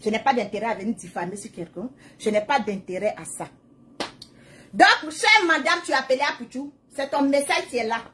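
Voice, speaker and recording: A slightly high, bright and forceful voice comes from an adult woman, a mother, speaking briskly and expressively with slight background noise. Livestreaming to followers, she repeats herself emphatically and drifts into prayerful preaching in a casual monologue.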